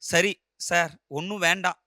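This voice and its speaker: Casting: man voicing a humble grieving poor man, plain bright voice, dry sound. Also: high-pitched, flat delivery, unhurried, no echo, exaggerated voice. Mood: pleading. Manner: humble, pleading.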